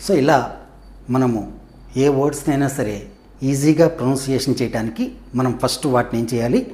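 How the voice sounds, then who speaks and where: A man's voice: medium pitch, brisk, darkish tone. A middle-aged man with a Telugu accent teaching an English grammar lesson. He asks questions and answers them himself, and he sounds out words one syllable at a time.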